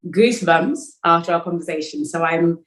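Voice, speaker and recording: A woman's voice: on the low side, normal speed. A woman from Africa hosting a podcast interview, enthusiastic and gushing as she asks her questions. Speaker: podcast host. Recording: roomy echo.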